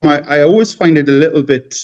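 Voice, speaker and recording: Here a North-East English man chats as an interview guest, telling loose, rambling stories and frequently repeating himself. His voice is a little high, a little fast, and somewhat mellow, captured on a muffled recording.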